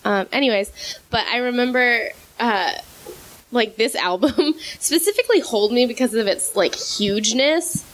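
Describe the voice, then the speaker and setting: A woman's voice: a little high, expressive, moderate pace. A young woman co-hosting a podcast, rambling casually about music with lots of fillers and giggles, sometimes talking through a mouthful of food. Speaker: podcast co-host.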